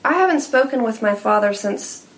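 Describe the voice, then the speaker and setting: A woman playing Talia, a guarded and enigmatic figure, speaking with dry, deliberate delivery in a dramatic table read. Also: fairly high pitch, expressive, background noise, close to an everyday voice. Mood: evasive, calm.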